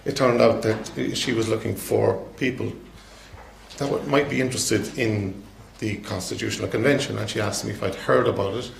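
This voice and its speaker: A man in his fifties with a west of Ireland accent and heavy creak in his voice. He speaks off the cuff in a down-to-earth, halting way, telling of his own experience. The room is echoey, with faint noise behind him. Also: fairly low pitch, steady tone. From Galway, west of Ireland. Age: 50s. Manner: halting, plain-spoken, down-to-earth. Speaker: citizen member speaking at a public meeting. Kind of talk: unscripted personal testimony to an audience.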